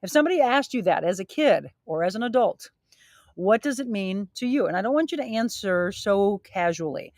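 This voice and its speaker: A middle-aged woman coaching a live workout from outside her home, encouraging and energetic, a little out of breath as she exercises. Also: medium pitch, a little fast, no room sound. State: slightly out of breath. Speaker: fitness and wellness coach hosting a live stream. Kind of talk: live-streamed workout and motivational talk. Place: outdoors at her home, by a grilling area.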